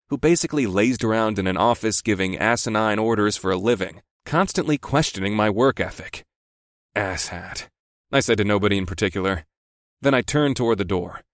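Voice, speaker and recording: A man's voice: lowish voice, dry recording, clean studio sound. A man narrating a first-person story in a wry, sardonic manner. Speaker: audiobook narrator.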